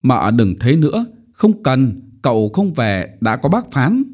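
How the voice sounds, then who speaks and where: A naive little boy chirps high, lively questions in a storybook reading, coaxing and eager to please. A man puts him on with a raised, animated voice. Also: moderate pace. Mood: innocent questioning.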